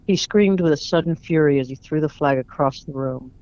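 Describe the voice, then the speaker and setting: A man with a voice a little higher than most men's reads his short story aloud in an earnest, reflective way. The recording sounds dull and lo-fi. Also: fairly quick, a little mellow. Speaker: guest author. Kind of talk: spoken word story reading.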